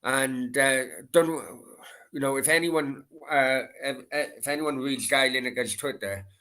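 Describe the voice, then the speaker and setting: Bright-voiced sweary Welsh Valleys man. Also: mid-range voice, unhurried. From Merthyr, south Wales. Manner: sweary, rambling, repeats himself. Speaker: livestream host. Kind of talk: casual late-night football Q and A chat.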